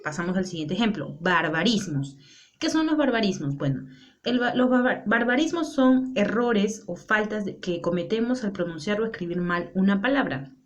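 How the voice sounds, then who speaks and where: A woman teaching a class. She explains patiently and keeps checking in with her students through short rhetorical questions. Her voice sits at an ordinary middle pitch. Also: expressive, normal speed, dull audio. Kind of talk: classroom lesson.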